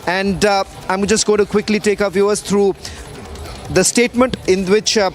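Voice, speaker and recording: A man presenting live news updates in a measured briefing tone, with frequent filler sounds. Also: high voice, fairly even intonation, faint music behind. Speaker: news anchor.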